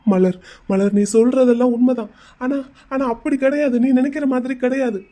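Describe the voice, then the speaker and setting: A woman's voice: high-pitched, steady tone, a little fast, mellow, lightly acted. A woman voicing an anxious young husband in a cartoon drama, pleading with his wife not to leave. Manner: pleading, coaxing.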